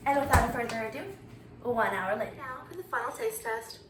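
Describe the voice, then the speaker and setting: High voiced woman doing a casual baking how-to, kinda halting short instructions, roomy echo and noisy recording. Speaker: home baking presenter. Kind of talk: casual step-by-step cooking tutorial.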